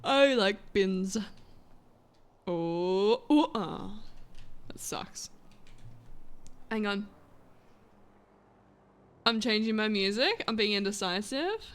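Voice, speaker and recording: A woman's voice: mid-range voice, lively intonation, slow, pauses often, smooth. A woman streaming a roleplay game, chatting casually and giggling often while she plays at home. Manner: giggly, chatty, easily amused. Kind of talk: casual live-stream chat. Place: home room with a vacuum running.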